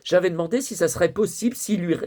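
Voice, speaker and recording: A man's voice: sits high, quick pace, a little mellow. A man in his fifties speaking as a collector and vlogger in a rambling, nostalgic monologue, hesitant and full of fillers, restarts and emotion. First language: French. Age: 50s.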